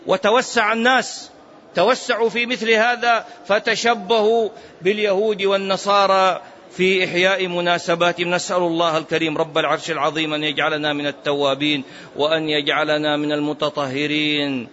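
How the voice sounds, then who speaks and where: A man's voice: sits high, flat delivery, fairly quick, sharp tone, highs cut off. A man giving a religious lesson as a preacher, emphatic and rhetorical, sometimes chanting phrases. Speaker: Islamic preacher.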